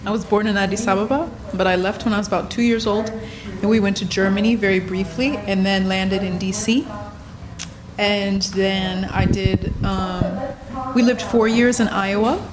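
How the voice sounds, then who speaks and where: A woman's voice: mid-range voice, fairly even intonation, moderate pace, a crowd in the background. A woman from Ethiopia in her forties, a musician answering interview questions in a reflective, storytelling way and laughing easily. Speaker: musician guest.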